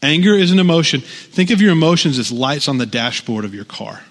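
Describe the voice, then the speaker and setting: A man's voice: a little high, animated, brisk, long reverb tail. A man preaching a sermon, conversational with frequent "right?" asides. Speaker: pastor.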